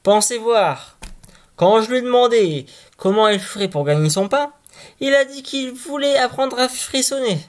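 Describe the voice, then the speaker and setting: A man's voice: extremely high pitch, lively intonation, moderate pace, pitched above the performer's own voice. A man reading a fairy tale aloud, voicing an exasperated peasant father who scolds his son. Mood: complaining.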